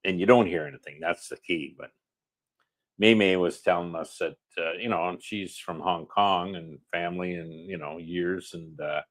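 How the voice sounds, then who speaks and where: A man's voice: low-pitched, normal speed. A man co-hosting a casual livestream, reading out viewer comments in a chatty, offhand way with lots of fillers.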